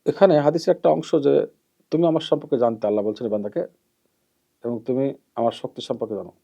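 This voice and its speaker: A man giving a measured hadith lesson as an Islamic preacher, repeating key terms and letting his phrases trail off softly. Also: mid-range voice, vocal fry, husky. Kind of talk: hadith lesson, explaining and admonishing. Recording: dull lo-fi recording.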